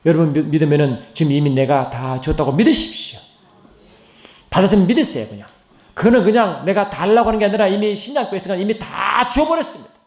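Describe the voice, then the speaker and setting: A middle-aged pastor man delivers a sermon in a roomy church with a lot of echo. His voice sits fairly high for a man, and he swings from loud, high calls to quiet asides while peppering the congregation with questions. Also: animated, fast. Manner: asks the congregation many questions. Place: church sanctuary.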